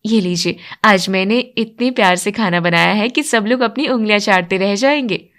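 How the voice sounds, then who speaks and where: A woman's voice: medium pitch, normal speed, a bit bright, lightly acted. A woman voicing an outspoken, cheerful young bride in a cartoon story. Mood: playful. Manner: playful, outspoken.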